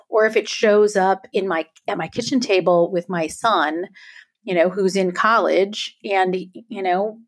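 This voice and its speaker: A middle-aged woman, a guest author, speaking earnestly in a podcast conversation, often checking in with "right?". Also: mid-range voice. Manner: earnest, emphatic, frequent "right?" tags.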